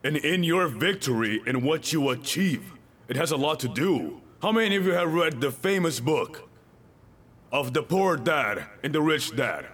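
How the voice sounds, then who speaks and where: A man's voice: a little high, animated, a little slow, fairly bright tone, slightly rough. A male pastor preaching a sermon, emphatic and repeating his key lines, with joking asides to the congregation.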